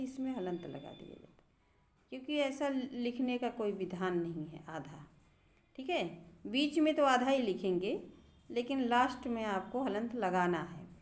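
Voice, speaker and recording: A middle-aged woman teacher explaining grammar to students, patiently repeating words slowly to show how they are pronounced. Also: on the high side, animated, darkish tone.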